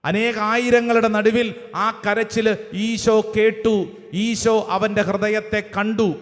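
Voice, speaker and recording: A priest with a high-set voice delivers a sermon, calling out verses one phrase at a time for the listeners to repeat. His words ring out with a long reverb, as if spoken in a large church hall. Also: level tone, slow pace. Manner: cites verses with English chapter numbers. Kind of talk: sermon with call-and-response.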